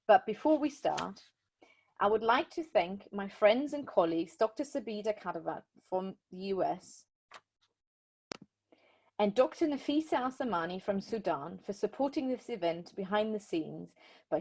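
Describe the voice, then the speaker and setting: A woman hosting an online medical webinar, introducing the event in a measured, polite and formal way. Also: mid-range voice, animated, darkish tone, breathy edge. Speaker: event organizer and host.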